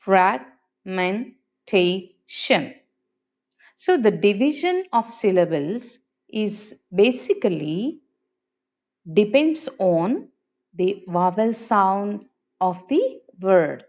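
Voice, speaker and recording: A woman teacher giving a phonetics lesson, speaking slowly and carefully and saying each example word twice. Her pitch moves a lot as she stresses the words. The recording sounds dull and lo-fi. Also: big pitch swings, darkish tone. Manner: slow and deliberate, repeating each example word. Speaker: English teacher.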